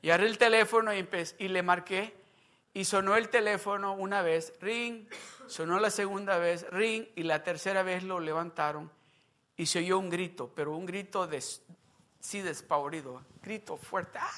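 A man's voice: sits high, normal speed, pushed and bright. A man preaching a sermon, telling a personal story in a conversational way and acting out remembered dialogue. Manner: conversational, with restarts and asides to the congregation. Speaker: pastor.

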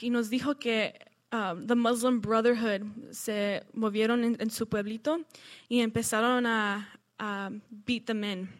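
Earnest woman sharing a church testimony. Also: on the high side. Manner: earnest, conversational storytelling with restarts.

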